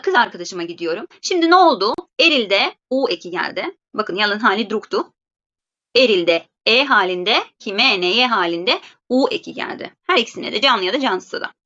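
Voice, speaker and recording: A woman teaching Russian grammar in a live online lesson. She explains patiently and slows down to say each example. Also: a little high, pushed and bright, dull audio.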